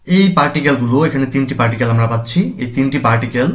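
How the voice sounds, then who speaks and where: A man from Bangladesh with a Bangladeshi Bengali accent, teaching grammar and pronunciation slowly and deliberately, repeating each term. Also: medium pitch. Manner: slow, deliberate, repeats terms and spells out sounds. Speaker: language teacher.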